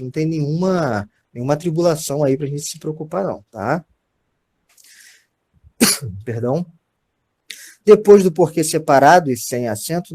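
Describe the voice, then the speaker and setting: Brazilian male teacher, patient and talking straight to his class, voice a touch high. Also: warm tone. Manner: explains patiently, often checks in with "tá certo?" and "gente". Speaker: Portuguese teacher. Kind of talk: recorded grammar lesson.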